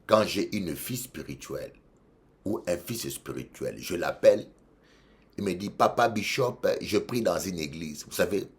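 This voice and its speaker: Congolese french bishop preaching, low voice, slow, keeps repeating lines for weight, goes loud then quiet. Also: male voice. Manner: emphatic, repeats phrases for weight, swings between loud and quiet. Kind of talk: sermon.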